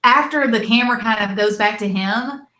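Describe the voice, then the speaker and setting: A woman in a casual review chat, earnest and halting as she retells scenes. Her voice carries a roomy echo around it. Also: fairly high pitch, pushed and bright. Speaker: co-host reviewing a TV episode.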